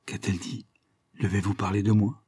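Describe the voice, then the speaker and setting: A man's voice: fairly low pitch, flat delivery, fairly quick, a little mellow, breathy edge, no room sound, clean studio sound. A man voicing an anxious young male engineer, a jilted fiancé, who asks pleading questions.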